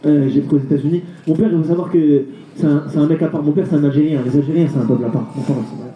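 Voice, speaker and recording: A male stand-up comedian doing a live routine, telling rapid, animated stories and slipping into acted voices. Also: a little high, highs cut off, a little hiss or hum. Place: live comedy show venue. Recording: echoey venue with crowd.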